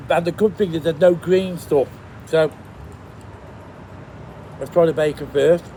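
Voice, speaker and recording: Creaky man chewing while he talks. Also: fairly high pitch, steady tone, unhurried, dark tone, a little hiss or hum. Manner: chewing and eating while talking. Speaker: food reviewer. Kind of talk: casual food review vlog.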